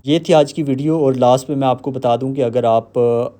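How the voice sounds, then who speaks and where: A man giving a screen-recorded software walkthrough, explaining step by step with filler pauses. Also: mid-range voice, fairly even intonation. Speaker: software tutorial host.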